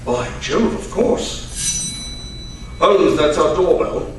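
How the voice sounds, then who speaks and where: A man's voice: fairly high pitch, lively intonation, very slow. Man acting genial Doctor Watson, echoey stage recording. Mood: surprised, mild. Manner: old-fashioned, gentlemanly, exclamatory turns of phrase. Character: Doctor Watson, genial gentlemanly Victorian doctor telling old cases. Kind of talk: live old-time radio drama acting and storytelling. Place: live performance at a radio club event. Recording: roomy, distant live stage recording with hiss.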